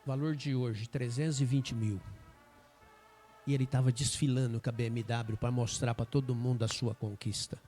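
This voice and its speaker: A male pastor with a Brazilian Portuguese accent preaches in an emphatic, storytelling style. He often slows down and pauses for effect. His voice sits at an average pitch, with faint music behind it. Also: fairly even intonation, dark tone. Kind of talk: sermon storytelling.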